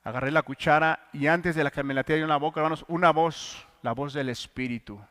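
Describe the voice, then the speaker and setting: A middle-aged man with a Mexican Spanish accent preaching a sermon, moving between loud pleading and hushed, intimate testimony. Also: a little high, fairly even intonation, quick pace.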